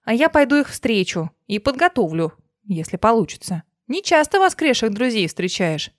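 A woman's voice: a little high, big pitch swings, normal speed, dry recording, studio quality. A woman voicing a caring young woman who speaks earnestly.

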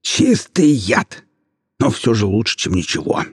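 A man's voice: on the low side, very animated, measured pace, slightly rough, no echo, studio quality, exaggerated voice. A man playing a courtly, wry mage. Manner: old-fashioned politeness. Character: bald self-taught male mage, courtly and wry.

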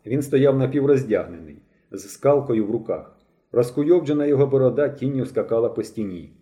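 A male narrator reads a novel aloud in a dark, mellow voice. His delivery is expressive and dramatic, and he leans into the tense moments. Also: medium pitch, a little fast. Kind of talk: audiobook reading.

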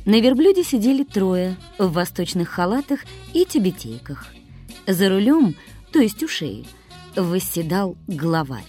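A woman narrating an audiobook with lively, wry storytelling, recorded close and dry. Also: medium pitch. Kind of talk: scripted narration.

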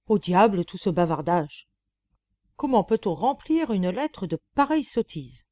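Audiobook madman voiced by a female reader: indignant clerk, exasperated outbursts, mellow and dry. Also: medium pitch, sing-song, unhurried, no echo. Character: deluded, indignant male government clerk. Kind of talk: audiobook narration.

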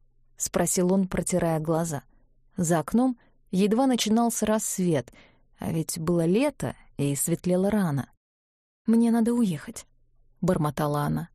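A woman narrates an audiobook in a calm, measured way. Her voice is warm and mellow, with an even middle pitch, recorded close and dry with no room sound. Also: no echo.

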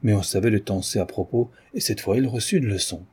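Male audiobook narrator, warm low husky voice, calm reading. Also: quick pace.

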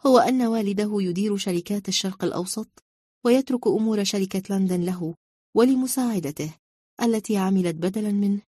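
A woman narrating a story in a calm, measured reading style. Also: mid-range voice, slightly rough, dry recording, clean studio sound.

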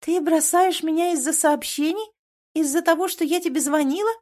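Woman doing a shrill, pouty young girlfriend. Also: normal speed, darkish tone. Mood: shrill, angry. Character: capricious clingy young woman, whiny girlfriend. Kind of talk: audiobook character voice.

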